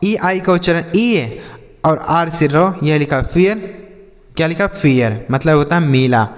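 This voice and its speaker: Brief: male phonics teacher, slightly high voice, slow repetitive question-and-answer drilling, long reverb. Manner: repeats questions and answers them himself, slow spelled-out drills. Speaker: English teacher. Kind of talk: classroom-style phonics lesson.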